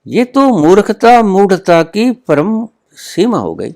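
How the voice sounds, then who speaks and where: A man from India giving a spiritual discourse, asking pointed rhetorical questions and scolding in a deliberate, emphatic way. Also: high voice, very animated, creaky, a little mellow. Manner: slow, deliberate delivery with long pauses. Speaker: spiritual teacher.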